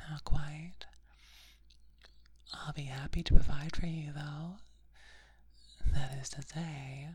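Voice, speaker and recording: Brief: woman, low voice, breathy whispered ASMR, dry close mic. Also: no room sound. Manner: slow, soothing, attentive. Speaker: ASMR performer. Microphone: close sensitive microphone.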